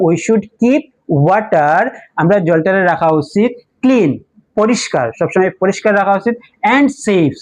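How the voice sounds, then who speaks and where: A man's voice: high voice, darkish tone, rough recording. A man with a Sylheti Bengali accent teaching English patiently. He asks questions and answers them himself, and spells words out letter by letter. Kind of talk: classroom-style lesson explanation.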